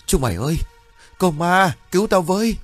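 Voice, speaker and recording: A man's voice: moderate pace, slightly rough, faint music behind, lightly acted. A man voicing a terrified wealthy landowner in an audiobook ghost story, crying out in panic. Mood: panicked. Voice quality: shrill panicked shouting.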